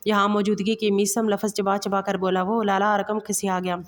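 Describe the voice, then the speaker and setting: A woman reads a romantic novel aloud in an even, level tone, keeping the same pace through narration and dialogue. She slips and restarts now and then. Her voice carries a long reverb, as if recorded in a large hall. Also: medium pitch, fairly quick. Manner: even, steady reading with occasional slips and restarts. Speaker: storyteller.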